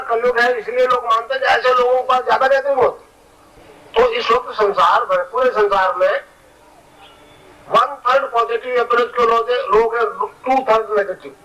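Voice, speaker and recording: A guru delivers a spiritual discourse in a very high, ringing male voice. He talks plainly and with emphasis, going back over his own phrases. The recording is distant, as if the mic sat well away from him. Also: bright, forceful tone.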